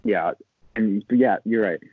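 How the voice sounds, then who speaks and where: A man co-hosting a podcast, chatting about a movie and making quick jokes. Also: fairly low pitch, husky, dry recording. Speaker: podcast co-host. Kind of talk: casual movie discussion. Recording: tinny phone-like dry sound.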